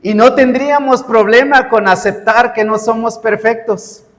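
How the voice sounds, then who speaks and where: Pastor guy preaching slow, high voice, big echoey hall. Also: steady tone, a bit bright. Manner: preaching with rising, emphatic repeated cries. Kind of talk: sermon.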